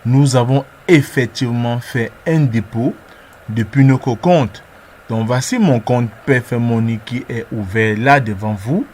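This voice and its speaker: A man's voice: mid-range voice, unhurried, a little mellow, a little hiss or hum. A man narrating a screen-recorded tutorial as its presenter, talking through each step hesitantly and repeating words as he clicks.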